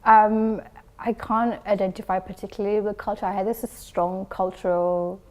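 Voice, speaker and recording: A woman's voice: mid-range voice, flat delivery, normal speed, darkish tone. A woman from Singapore, a guest in an interview, answering thoughtfully with frequent hesitations and filler ums.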